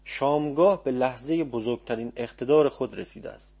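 An old male sorcerer, watchful and calm, gives hushed orders, voiced by a male narrator. The voice is mellow and slightly husky. It is quiet and firm, in an audiobook reading. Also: medium pitch. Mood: hushed urging.

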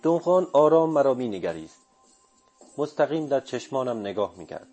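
A male narrator reads a first-person literary story. His reading is measured and even. His voice is mellow and warm, never sharp. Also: mid-range voice, husky, faint music behind. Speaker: audiobook narrator.

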